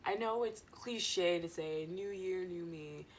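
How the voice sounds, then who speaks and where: A woman's voice: on the low side, takes it slowly, a little hiss or hum. A woman chatting casually to her viewers as a vlogger, in a loose, rambling, digressive stoner manner.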